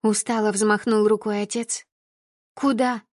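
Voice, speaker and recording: A woman's voice: a little high, moderate pace, a little mellow, dry recording, clean studio sound. A woman narrating an audiobook in the first person with intense, emotional reading.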